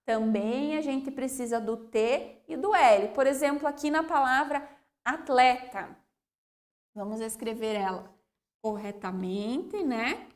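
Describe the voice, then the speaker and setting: Slow, high-voiced Brazilian teacher. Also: female voice, lively intonation. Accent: Brazilian Portuguese. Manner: checks understanding with frequent "ok?" and "né?", sounds out words slowly. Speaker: primary school teacher. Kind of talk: slow, clear classroom explanation.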